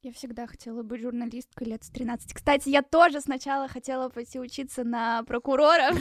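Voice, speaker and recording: A young woman of twenty-two co-hosts a podcast in an easy, calm conversational tone. Her voice is a little higher than average. The recording is dry and close, with no room sound. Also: dry recording. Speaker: podcast co-host. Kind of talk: casual chat.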